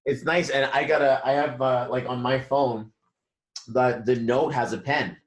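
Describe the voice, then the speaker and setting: A man's voice: mid-range voice, steady tone, a little slow. Rambling man talking numerology. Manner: loose and rambling, many fillers and restarts. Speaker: numerology reader, guest. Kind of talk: casual spiritual chat.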